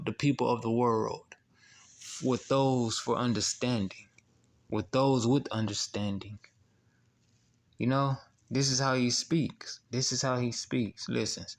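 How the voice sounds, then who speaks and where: A man delivers a sermon-style Bible teaching in an unhurried, drawn-out way. His voice carries a gravelly rasp, and he keeps circling back with restarts and rhetorical questions to his listeners. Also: medium pitch. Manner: repetitive, asks rhetorical "what?" questions; halting, many restarts and fillers. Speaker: preacher.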